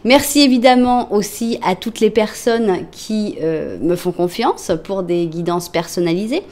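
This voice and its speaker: A woman reading tarot cards for online viewers in a casual, chatty way, with many fillers and self-corrections. She speaks directly to the listener in a gentle, reassuring way. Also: mid-range voice, unhurried. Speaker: tarot card reader.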